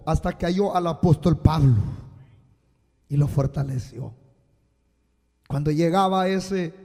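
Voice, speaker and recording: A man preaching a sermon as a pastor, slow and emphatic with sudden loud bursts, recorded live in a church. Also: high voice. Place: church sanctuary. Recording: live church hall with long reverb.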